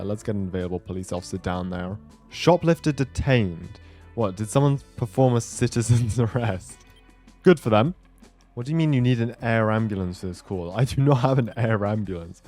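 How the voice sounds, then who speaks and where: With a lowish, darkish-toned voice, a male host chats casually over his gameplay, reasoning out loud about what to do next. Background music accompanies his commentary.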